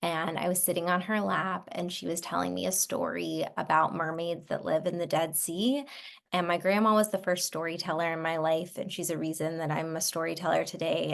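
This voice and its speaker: A woman's voice: on the low side, creaky. A woman from the Midwestern United States who is a storyteller, speaking thoughtfully about her childhood. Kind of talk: reflective personal account.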